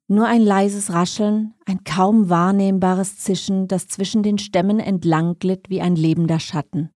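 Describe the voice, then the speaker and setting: A woman narrating a scripted story with measured, suspenseful pacing. Her tone is mellow and dark, of middle pitch. The recording is dry and close with no room sound. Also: no room sound.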